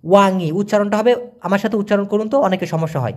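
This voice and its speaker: A man's voice: high-pitched, quick pace, darkish tone. A man teaching a casual language lesson, repeating and spelling out words for learners.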